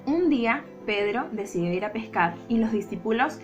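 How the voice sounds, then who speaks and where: A woman with a Rioplatense Spanish accent, a Sunday school teacher telling a Bible story to children in an expressive, dramatic way. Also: fairly high pitch, moderate pace, faint music behind.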